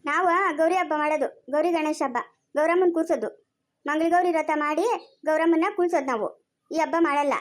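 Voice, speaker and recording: Lady doing a fretful village grandma, chikkaballapur kannada accent, high voice, quick chatter. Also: close to an everyday voice. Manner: anxious, scolding, coaxing. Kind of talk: village family drama.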